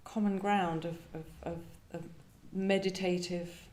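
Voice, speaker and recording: Speaking as a guest poet at a live literary event, a woman reflects and reads poems in a measured, steady tone. Her voice is on the low side and a little mellow, and the echoey indoor venue gives the sound a roomy, live feel.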